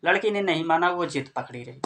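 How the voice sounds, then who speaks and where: A man's voice: a little high, lively intonation, brisk, fairly bright tone, a little hiss or hum. Man telling a sad story casually. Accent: Hindi-speaking northern India. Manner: addresses listeners as friends, conversational retelling.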